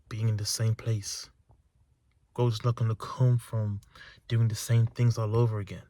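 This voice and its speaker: Mid-range in pitch and dark in tone, a young man's voice fills a parked car at night with no room sound. The self-improvement vlogger reflects earnestly on motivation, pressing his points with emphasis and repeating key phrases.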